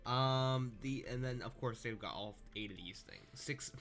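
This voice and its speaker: A man's voice: mid-range voice, unhurried, fairly bright tone. A young man giving casual, sarcastic commentary over a video game he is playing, breaking off into joking asides. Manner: sarcastic, joking asides, wanders off mid-sentence. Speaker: let's-play gamer. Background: faint game music.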